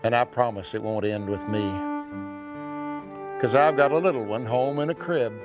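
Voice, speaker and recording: A man reciting cowboy poetry as earnest, measured storytelling, with dramatic phrasing and pauses. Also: mid-range voice. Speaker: cowboy poet. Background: soft acoustic guitar music.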